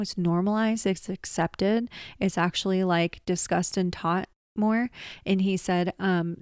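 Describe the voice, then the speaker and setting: A woman's voice: lowish voice, a little mellow, smooth, no room sound, clean studio sound. A woman, a medium, chatting casually and relaying what her spirit guide tells her, with frequent small laughs.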